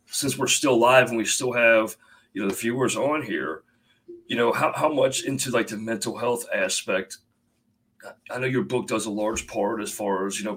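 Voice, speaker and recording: A man's voice: lowish voice, fairly bright tone, breathy edge, rough recording. A man hosting a live video-call show, chatting casually and repeating words as he gathers his thoughts. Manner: halting, repeats words while thinking aloud. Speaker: livestream show host. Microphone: computer mic on video call.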